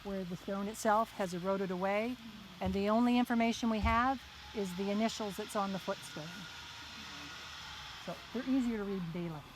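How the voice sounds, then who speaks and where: A woman guiding a walking tour outdoors, telling stories in a measured, deliberate way. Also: medium pitch. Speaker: cemetery tour guide. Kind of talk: guided walking tour storytelling. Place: outdoors in a cemetery at night. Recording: outdoor recording with clear background noise, crickets.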